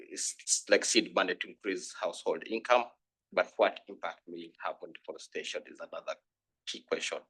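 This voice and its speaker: A man from Uganda, giving an earnest, halting comment in a conference panel and often restarting his sentences. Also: deep voice, a bit bright, breathy edge, poor audio. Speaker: panel discussant.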